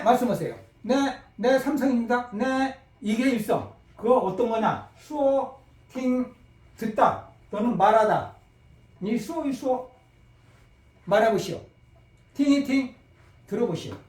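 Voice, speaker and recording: A middle-aged man teaching a recorded language lecture, acting out phone calls and crisp shouted replies to demonstrate tones. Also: sits high. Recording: echoey room, voice a bit far from the mic.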